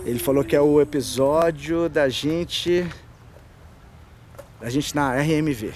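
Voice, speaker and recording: Chatty male storyteller, slightly raised pitch, builds up excitement. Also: slow. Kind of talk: casual storytelling among friends.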